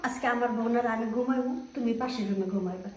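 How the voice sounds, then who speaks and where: A woman's voice: on the high side, fast, darkish tone, lightly acted. A woman acting a bossy, scolding village wife in a drama, with a rural Bangladeshi accent. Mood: weary. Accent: Bangladeshi rural dialect. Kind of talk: amateur short-film drama dialogue. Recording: echoey room with background noise.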